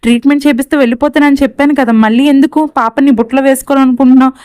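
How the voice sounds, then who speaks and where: A woman voicing a young mother who fires sharp, accusing questions. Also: high voice, steady tone, very fast, no echo, natural voice.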